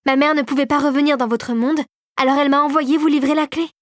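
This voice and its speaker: An eager, determined young girl in a storybook, as a woman reader puts her on, pitched clearly higher than the narration and pressing with bright urgency. The recording is dry and close, with no room sound. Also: fairly even intonation, quick pace, no echo, natural voice. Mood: urgent.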